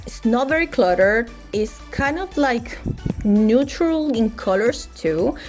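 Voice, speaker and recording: A young gaming YouTuber, Spanish being her first language, speaks slowly and animatedly in a slightly high, darkish voice. Her casual voice-over chat has many restarts and filler words, with faint music underneath.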